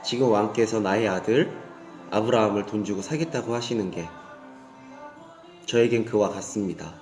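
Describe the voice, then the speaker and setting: A man's voice: on the low side, moderate pace, a little mellow, natural voice. A man voicing a cautious father who pleads deferentially before a king, in a story told as a sermon. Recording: roomy echo with faint music.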